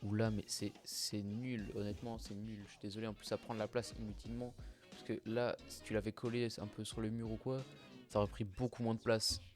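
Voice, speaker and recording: A man's voice: lowish voice, level tone, brisk, soft background music. A young man hosting a casual reaction video, talking in slang, sounding exasperated and mumbling asides.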